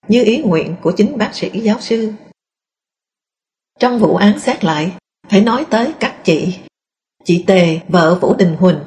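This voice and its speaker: A woman reading a first-person memoir aloud in a calm, steady storytelling voice. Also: medium pitch. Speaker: narrator.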